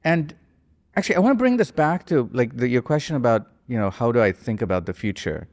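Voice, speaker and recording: A man's voice: mid-range voice, sing-song, brisk, a little mellow. A man in his forties, a podcast guest, musing at length with frequent restarts and self-corrections. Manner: thoughtful, rambling, self-correcting. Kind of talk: casual conversation. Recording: long hall reverb.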